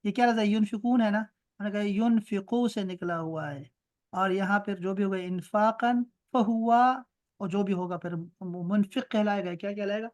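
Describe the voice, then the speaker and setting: A man with an Urdu accent teaching Arabic grammar in an online class, explaining patiently, slowly chanting verb patterns and checking that students follow. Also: high-pitched, a little mellow. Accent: Pakistani Urdu.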